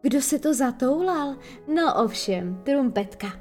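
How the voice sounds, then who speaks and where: Woman reading a kids story, lively and expressive, fairly high voice, soft music under it. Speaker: narrator.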